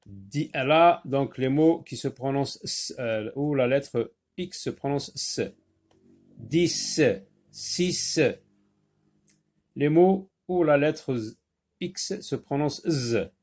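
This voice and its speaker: A man teaching a French phonics lesson, slowly repeating and stressing each sound for young learners. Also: mid-range voice, darkish tone.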